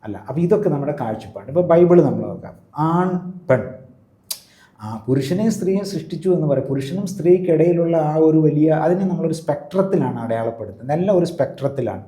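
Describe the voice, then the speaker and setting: A man of the clergy explains in an interview, teaching step by step and pausing to check that he is followed. His voice is very dark and mellow. It is recorded in a room with noticeable echo. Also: fairly high pitch, expressive. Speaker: priest. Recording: roomy echo.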